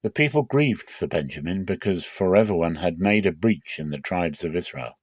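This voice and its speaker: A Bible reader with a lowish voice narrates scripture dramatically, measured and solemn yet animated, giving clear emphasis to key phrases. The recording is very dry, with no room sound around it.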